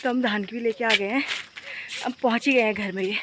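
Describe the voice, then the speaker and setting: A young woman from the Uttarakhand hills vlogging casually with a phone while she works outdoors in the forest and fields. She talks loudly and laughs a lot. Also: a little high, fairly even intonation, brisk, slight background noise. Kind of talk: casual vlog narration.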